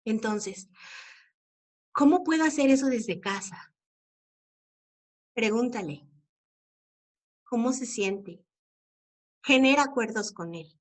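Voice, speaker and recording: A woman's voice: a little high, lively intonation, takes it slowly, pauses often. A middle-aged Mexican woman giving an informal, earnest talk to parents, often asking rhetorical questions. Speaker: speaker on parenting and equality.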